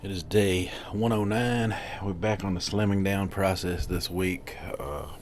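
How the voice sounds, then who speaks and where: A man with a low voice chats in a folksy, rambling vlog style. The recording has clear background noise. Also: steady tone, unhurried, darkish tone. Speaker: vlogger. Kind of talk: casual diet-progress vlog talk. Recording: clearly noisy background ambience.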